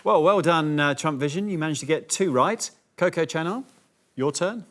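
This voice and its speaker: A man's voice: a little high, expressive, normal speed, very noisy. A man hosting a comedy panel show, reading out scores and rules with a dry, sarcastic, teasing manner. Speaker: host.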